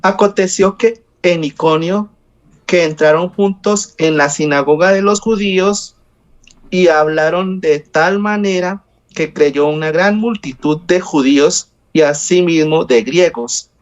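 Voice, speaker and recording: Slow, halting male scripture reader. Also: fairly high pitch, lo-fi sound. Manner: slow, halting reading with slips and self-corrections. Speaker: scripture reader in a Bible study. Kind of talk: reading scripture aloud. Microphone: video call.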